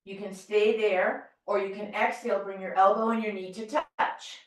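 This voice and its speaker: A middle-aged American woman leading a yoga class, calmly and gently cueing breath and movement. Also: mid-range voice, moderate pace. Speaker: yoga teacher. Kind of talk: guided yoga class instruction. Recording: very echoey room, voice from far off.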